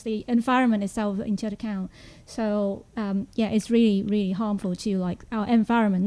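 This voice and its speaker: A woman from Hong Kong speaking on a panel, halting and full of "like" fillers. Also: mid-range voice, warm tone. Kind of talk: panel talk.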